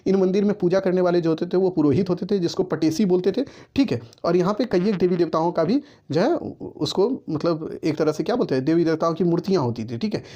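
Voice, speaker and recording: A man with a high-ish, mellow voice teaches history for exams at a fast clip, heard through dull audio. Speaking directly to students, he gives writing instructions and keeps checking in with "ठीक है."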